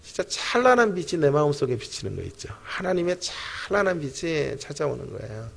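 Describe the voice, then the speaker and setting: A middle-aged man preaches a sermon as a pastor, telling a personal story with lively, animated delivery and talking straight to the congregation. His voice sits somewhat high and carries a noticeable gravelly fry. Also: fairly quick. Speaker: pastor and professor preaching at a teachers' revival. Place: church sanctuary.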